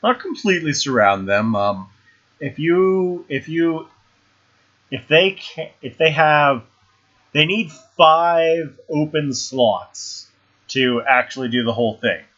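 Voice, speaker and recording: A man's voice: a little high, lively intonation, slow, fairly bright tone. A man chatting casually while live-streaming a card game, hesitant and full of fillers and restarts. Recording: dull lo-fi stream audio.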